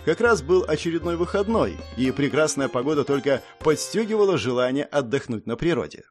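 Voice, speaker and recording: A man narrating an audiobook in the first person with an expressive reading. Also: a little high, brisk, soft background music.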